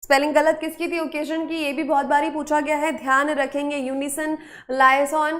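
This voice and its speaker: A woman's voice: high voice, little pitch movement, moderate pace, fairly bright tone. A woman teaching an online spelling and vocabulary class, mixing Hindi with English words and coaxing students by repeating each question and answer.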